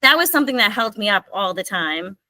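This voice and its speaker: A woman's voice: medium pitch, big pitch swings, fairly quick, pushed and bright, no room sound, low-quality recording. A woman who teaches special education, talking as an enthusiastic guest in a conversational interview. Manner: earnest, enthusiastic.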